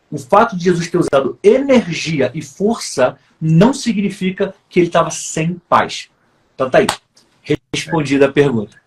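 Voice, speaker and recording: A man hosts a casual faith conversation and explains things patiently, like a teacher. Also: fairly high pitch. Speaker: host.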